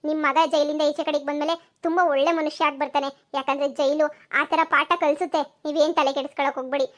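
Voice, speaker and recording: A woman's voice: sits high, level tone, quick pace, a bit bright. A woman voicing a kind, forgiving young daughter-in-law in a cartoon, speaking soothingly. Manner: soothing, reassuring. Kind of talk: cartoon voice acting.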